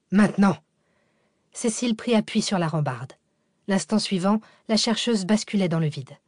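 Woman reading an audiobook, lowish voice, super dry close mic. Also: darkish tone, no room sound. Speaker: audiobook narrator. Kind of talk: scripted narration.

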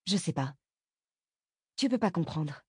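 A woman reading the part of an insecure young woman who wants to be liked, in a lively confiding tone. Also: lowish voice, measured pace, slightly rough, no room sound, clean studio sound, heavily acted. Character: young woman, self-doubting, eager to be liked.

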